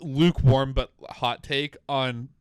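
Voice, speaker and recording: A podcast co-host chats about games in an animated way, swearing freely and mock-quoting game developers. His voice is medium-pitched, slow and smooth, captured on a dry recording.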